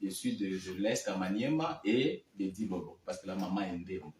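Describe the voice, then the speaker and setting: A man's voice: deep voice, normal speed, a little mellow, roomy sound, recorded from a distance, a little hiss or hum, low-quality recording. A man from the Democratic Republic of the Congo, a guest musician, answering hesitantly and repeating words as he searches. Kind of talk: studio interview.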